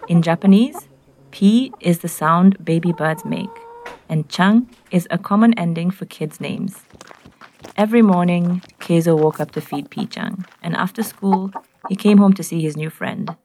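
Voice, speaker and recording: A woman from Nairobi with a Kenyan accent, narrating a scripted personal story in clear, simple short sentences. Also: on the low side, a little slow, warm tone, a little hiss or hum.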